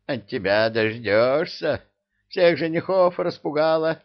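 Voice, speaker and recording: Man doing a fussy old genie king, high plaintive voice, audiobook, muffled recording. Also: expressive, takes it slowly. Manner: whiny, flustered, plaintive.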